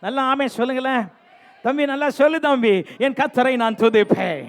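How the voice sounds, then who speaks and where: A man preaching a lively bilingual sermon in church, exhorting and teasing the congregation and repeating refrains for them to answer. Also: very high-pitched, a little fast, creaky. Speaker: pastor. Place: church sanctuary.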